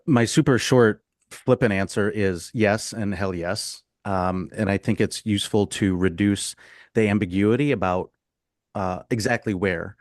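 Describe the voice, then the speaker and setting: A man from the United States speaks with a somewhat low voice on a panel discussion over a video call. He answers bluntly and with emphasis, stacking his points one after another. The sound is dry and close, with no room around it. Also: dry recording. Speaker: panel guest, business consultant.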